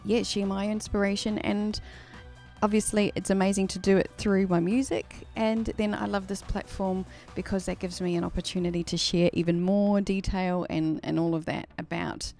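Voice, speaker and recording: A woman's voice: medium pitch, little pitch movement, normal speed, vocal fry, darkish tone. A woman hosting a music livestream, talking earnestly to viewers and often repeating words and restarting. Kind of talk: casual livestream talk to viewers.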